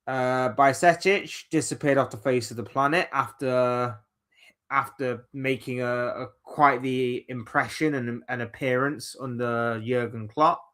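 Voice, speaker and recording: Man, unhurried delivery, mid pitch, rambling, opinionated fan chat. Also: fairly even intonation, a bit bright. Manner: rambling, opinionated, lists players one by one. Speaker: football channel host. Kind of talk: casual solo football chat.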